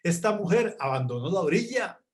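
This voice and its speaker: A man gives a motivational talk with a slightly high voice. He tells a story and acts out the people in it, raising his voice for the mother and dropping it low for the boy. He slows down to stress his key lessons. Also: sing-song. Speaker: motivational speaker.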